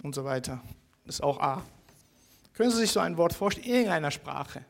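Man, university lecturer, lots of ums, slightly high voice. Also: animated, quick pace, vocal fry. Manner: hesitant, many fillers, rhetorical "ja?" checks.

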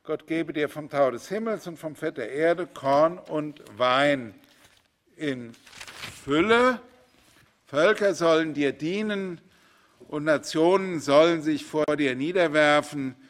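A man reading as old father Isaak, solemn. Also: on the high side. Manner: solemn, slow biblical recitation. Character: aged blind father blessing his sons.

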